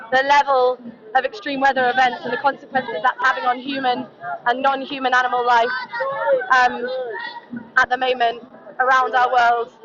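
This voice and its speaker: High-voiced woman reporting amid a crowd. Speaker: live stream host, interviewer. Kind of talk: live reporting and casual interviewing. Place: outdoors at a protest. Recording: muffled outdoor live stream with crowd. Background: crowd noise.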